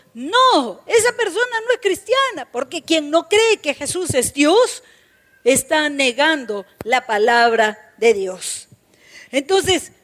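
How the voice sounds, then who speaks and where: A woman pastor delivers her sermon in a very high, piercing voice. She takes her time, unhurried and deliberate, and she hammers home her points by repeating key phrases straight to the congregation. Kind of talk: Pentecostal-style sermon.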